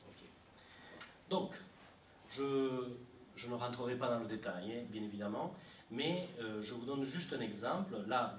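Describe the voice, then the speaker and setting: A man giving a university lecture on translation, animated, with frequent fillers and restarts. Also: mid-range voice, slight background noise. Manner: animated, repeats himself, many fillers. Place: university library lecture room. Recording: echoey room, mic from far off.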